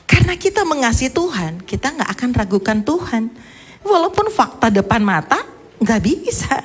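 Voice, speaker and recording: A middle-aged woman preaches with a somewhat high voice. She leans hard into key lines and sinks low and soft when she tells a story. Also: very animated, normal speed, husky. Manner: emphatic preaching, dropping low and soft for a story, then rising. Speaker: pastor. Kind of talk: sermon.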